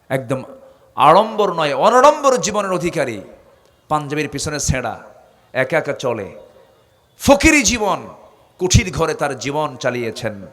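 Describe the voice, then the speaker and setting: A preacher from Bangladesh giving a sermon, moving between quiet asides and loud calls for the crowd to answer, and slowing into drawn-out chanted recitation. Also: male voice, on the high side.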